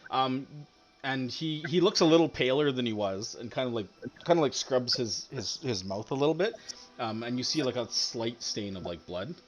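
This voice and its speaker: A man narrating a tabletop game as game master in a casual, halting, improvised way. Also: mid-range voice, lively intonation. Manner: halting, filler-heavy, casual.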